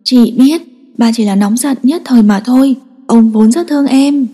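A woman voicing a scheming older sister who talks in a falsely sweet, soft way. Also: fairly high pitch, moderate pace, slightly rough. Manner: sweet, honeyed. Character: sly older sister, sweet-talking but cold. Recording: long echoing reverb.

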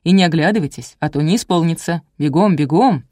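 A woman's voice: deep voice, brisk, warm tone, no room sound, clean studio sound. A woman voicing a sly old male village sorcerer who swindles people, with a sing-song, falsely sweet folksy patter. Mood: urgent.

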